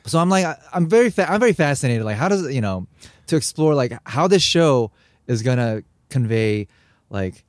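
In dry, studio-quality audio, a young American man co-hosting a podcast chats casually at a moderate pace in a mid-range voice. He's an animated storyteller who acts out sounds and quotes.

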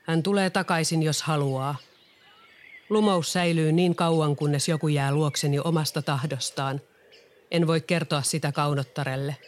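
A reader voicing a lonely, gentle enchanted beast in a storybook. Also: medium pitch, fairly even intonation, natural voice. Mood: sorrowful. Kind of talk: storybook reading.

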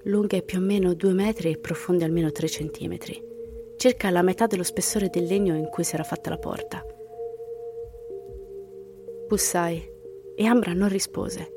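Female podcast host, lower voice, reads spooky stories with whispered moments and animated reactions. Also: normal speed, long pauses, music in the background. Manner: animated reactions, laughing, dropping to whispers for eerie parts. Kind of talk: reading listener horror stories.

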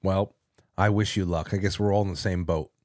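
Smooth radio host, male, lowish voice, dry close sound, easygoing call-in chat. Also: fairly even intonation, fairly quick, a little mellow, no echo. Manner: conversational, with frequent fillers. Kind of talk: casual talk radio, reading chat and taking calls.

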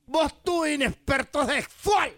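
A man's voice: very high-pitched, slow, a bit bright, dry recording, voice pushed up, full character voice. A man doing a brash Salvadoran tough guy. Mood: taunting. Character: brash slangy Central American tough guy.

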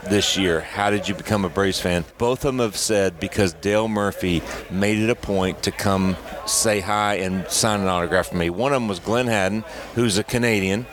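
Man, lowish voice, camp staff, rambling, repeats words, casual chat. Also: moderate pace, few pauses, crowd noise. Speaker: fantasy camp staff, co-host.

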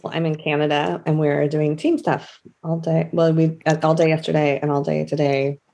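A woman's voice: sits low, level tone, moderate pace, gravelly, dark tone. A woman chatting casually as a podcast co-host, rambling through anecdotes. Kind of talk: casual chat.

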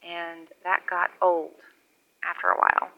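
An actress playing a lone, wry survivor rambling into a CB radio years after the collapse. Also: female voice, on the low side, completely flat delivery, a little slow, gravelly. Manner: rambling, wry, conversational monologue. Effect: over a CB radio. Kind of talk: audio drama radio log. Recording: muffled lo-fi radio sound.

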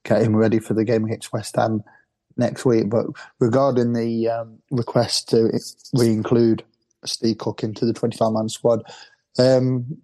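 A man's voice: medium pitch, little pitch movement, normal speed, mellow. A man co-hosting a football fan podcast, chatting casually and rambling, with repeated words and easy laughs.

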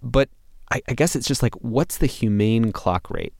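A man's voice: medium pitch, expressive, normal speed, creaky, a little mellow, dry recording, clean studio sound. A man hosting an interview, thinking aloud and asking reflective questions. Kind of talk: conversational interview.

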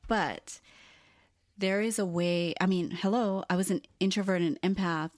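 A woman's voice: on the low side, measured pace, no echo, clean studio sound. A woman from Hawaii co-hosting a podcast in casual chat, acting out voices as she tells stories. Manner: animated storyteller, acts out quoted voices. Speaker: podcast co-host.

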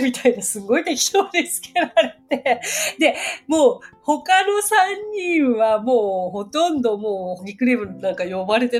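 A woman hosting a casual podcast about English expressions, chatty with frequent laughs and fillers. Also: medium pitch.

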